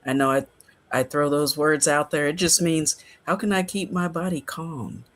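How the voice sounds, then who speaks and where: A man in his sixties speaks a little higher than most men. He explains things in an easy, conversational way, as a co-host of a casual podcast. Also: steady tone, normal speed, a bit bright.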